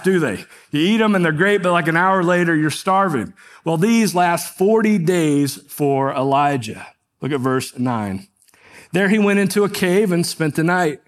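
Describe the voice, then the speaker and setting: A pastor preaching a sermon, reading scripture aloud and talking with the congregation in a conversational way, asking them questions. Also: male voice, fairly high pitch. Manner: reads scripture aloud between comments.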